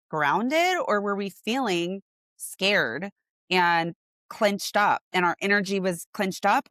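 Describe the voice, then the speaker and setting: A woman in her forties, a portrait photographer, talking in a casual interview and lively acting out her clients' excited reactions. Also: on the low side, no echo, clean studio sound.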